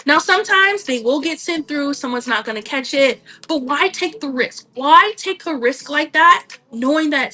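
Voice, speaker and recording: A woman hosting a live stream, giving chatty, animated selling tips and greeting viewers as she goes. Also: high voice. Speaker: online seller hosting a livestream.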